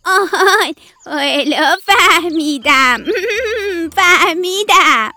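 Brief: bleating, giggly kid goat, very high and bright, mischievous liar , put on by a woman storyteller. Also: lively intonation, no room sound, soft background music, heavily acted. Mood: mischievous glee. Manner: bleats 'beh, beh' and giggles.

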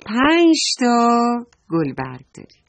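Storybook bee: small, friendly and patient, counting slowly and politely, softly breathy and lively in pitch, as a woman reads her. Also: no room sound, full character voice. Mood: gentle. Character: friendly young female bee who counts.

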